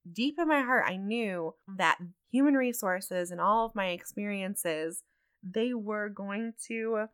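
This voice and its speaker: A woman's voice: mid-range voice, a bit bright, clean tone, no room sound, clean studio sound. A woman hosting a podcast, telling her own story in a candid, reflective and earnest way. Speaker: podcast host.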